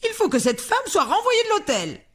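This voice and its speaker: Shrieking, hysterical posh lady for an audiobook; very high, loud, wildly swooping. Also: wildly swooping pitch, moderate pace, heavily acted. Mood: indignant. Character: shrill panicking posh hotel lady.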